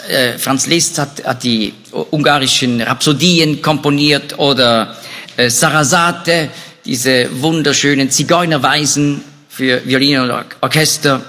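A man with a medium-pitched voice lectures on European history at a measured pace. His delivery is lively and animated, though full of hesitations and restarts. The talk echoes with hall reverb.

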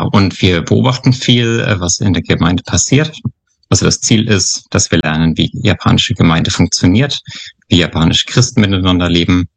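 A man in his thirties from Upper Franconia, a missionary guest speaking calmly and quietly in a podcast interview, with some hesitations. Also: low voice, vocal fry, husky. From Upper Franconia, Germany. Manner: calm, quiet, hesitant with fillers.

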